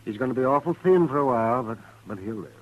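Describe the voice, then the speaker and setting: An actor playing a brisk, fussy frontier town doctor in a 1950s-style radio western. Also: male voice, medium pitch, animated, natural voice, low-quality recording. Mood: brisk, weary. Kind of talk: 1950s radio drama acting. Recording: old radio drama recording.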